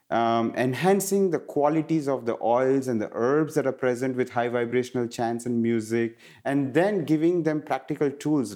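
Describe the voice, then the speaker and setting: A man's voice: medium pitch, darkish tone. A middle-aged man from India in a casual interview, explaining things earnestly and animatedly, often restarting his phrases. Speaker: guest, wellness educator.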